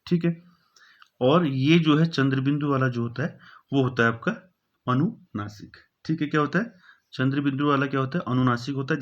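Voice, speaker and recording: A man's voice: medium pitch, fairly bright tone. Man teaching an exam-prep grammar lesson. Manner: repeats each question, fills with "thik hai". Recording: dull, lo-fi sound.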